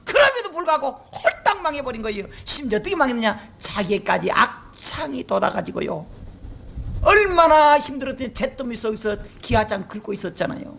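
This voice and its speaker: A man in his sixties with a Jeolla accent, preaching a sermon as pastor, asking rhetorical questions and swinging from shouts to quiet asides. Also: very high-pitched, big pitch swings, fairly quick, vocal fry. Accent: Jeolla Korean. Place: church sanctuary.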